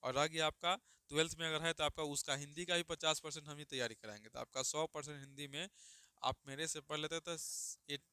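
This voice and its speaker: A man's voice: on the high side, steady tone, brisk, sharp tone, clean tone, no echo, studio quality. A man teaching grammar online, repeating each question and answer and calling students "babu.". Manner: calls listeners "babu" affectionately. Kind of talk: online exam-prep lesson.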